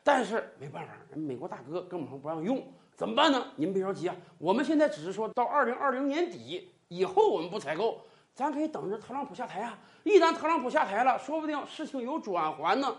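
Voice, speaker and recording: A commentator putting on a quiet, apologetic official who confides excuses in a whisper-like hush. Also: medium pitch, sing-song, fast. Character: sheepish male official whispering excuses, fawning.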